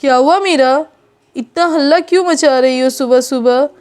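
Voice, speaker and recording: A woman voicing an older father-in-law heading the family, loud and commanding. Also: high voice, moderate pace, close to an everyday voice. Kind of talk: doll story voice acting.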